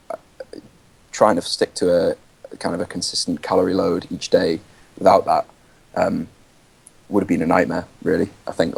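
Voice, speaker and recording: A man's voice: sits low, creaky, darkish tone, slightly rough, poor audio. A man guesting on a podcast as a fitness coach, easygoing and restarting his sentences. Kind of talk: casual interview answers.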